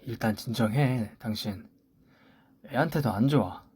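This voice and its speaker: A man's voice: mid-range voice, measured pace, darkish tone, breathy edge. A man voicing a curt, defensive young husband. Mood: reproachful. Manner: curt, reproachful. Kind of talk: story radio voice acting.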